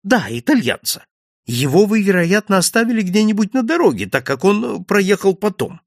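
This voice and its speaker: A man voicing a chatty, jovial male village innkeeper in an audiobook, pitching his voice up and sounding excitable. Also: normal speed, no echo, clean studio sound, full character voice. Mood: gossipy.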